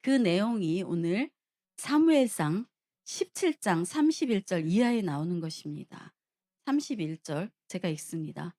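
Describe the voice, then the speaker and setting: A woman preacher giving a sermon, retelling a story with animated storytelling and asking the congregation questions. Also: on the low side, normal speed.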